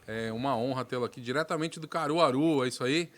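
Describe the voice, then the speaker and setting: A man hosting a podcast in an upbeat, presenter-like manner, welcoming the guest and plugging sponsors. His voice sits at an ordinary mid pitch. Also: quick pace, a bit bright. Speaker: podcast host.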